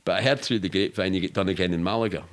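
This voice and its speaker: This podcast guest is a middle-aged Glaswegian whose low-sitting voice races along. He swears freely and rambles candidly through his stories, keeping the whole thing casual.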